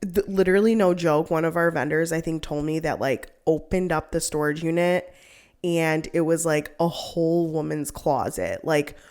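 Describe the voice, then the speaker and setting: A young woman chats casually as a co-host, rambling through her stories with endless "like"s and quick laughs. Her voice sits a little low for a woman. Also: darkish tone. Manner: rambling, heavy use of "like", laughs often. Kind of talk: casual chat.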